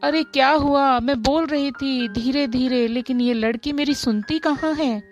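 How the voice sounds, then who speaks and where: Brief: woman playing nagging storybook mom, high and unhurried, faint music behind. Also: highs cut off. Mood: scolding. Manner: scolding, fussing. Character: strict, worried middle-aged mother, scolding. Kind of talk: storybook voice acting.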